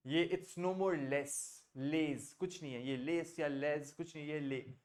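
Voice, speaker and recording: A man's voice: fairly high pitch, darkish tone. Man teaching French pronunciation. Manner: explains slowly, mixing Hindi and English, coaxes students to repeat. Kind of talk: online class teaching pronunciation.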